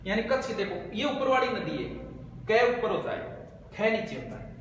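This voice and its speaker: Brisk male exam coach with a high voice, recorded in an echoey hall with long reverb. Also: animated. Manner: brisk, explanatory, repeats key points. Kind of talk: quick spoken geography lesson with memory tricks. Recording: very echoey, noisy room.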